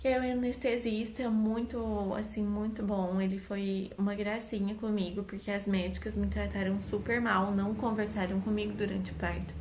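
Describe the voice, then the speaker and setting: A woman's voice: mid-range voice, slight background noise. A young woman, casually telling a personal story to camera as a vlogger, candid and repeating words for emphasis. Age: young adult.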